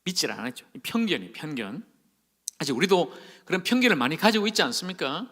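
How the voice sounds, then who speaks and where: Male pastor, high and lively delivery, folksy sermon with questions to the congregation. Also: quick pace, big-room sound. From Gyeongsang Province, Korea. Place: church sanctuary.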